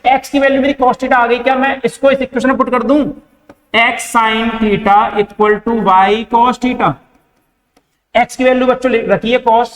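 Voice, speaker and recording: High-voiced man teaching math in an echoey room. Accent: Indian. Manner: asks the class questions and answers them himself. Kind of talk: board-exam math lesson. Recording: echoey room with long reverb.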